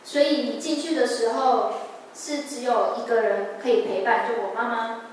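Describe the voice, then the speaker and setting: A young woman with a Taiwanese Mandarin accent shares her testimony in a church service, speaking earnestly and halting now and then to restart a thought. Her fairly high voice carries through a large, strongly echoing sanctuary with a long reverb tail. She sounds set back from the microphone, with a faint hum of room noise behind her. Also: fairly even intonation. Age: young adult. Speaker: church member giving testimony. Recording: echoey hall, voice from a distance.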